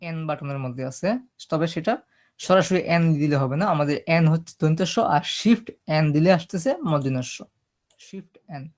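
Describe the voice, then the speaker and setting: A man teaching a screen-recorded typing lesson, explaining each step slowly and checking that his listeners are following. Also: a little high. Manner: explains step by step, often checking "ঠিক আছে?". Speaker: computer typing instructor.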